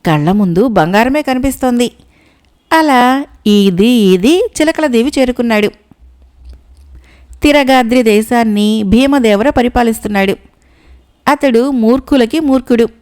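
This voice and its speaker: A woman narrating a folk tale audiobook with steady storytelling delivery. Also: fairly high pitch, a little slow, long pauses.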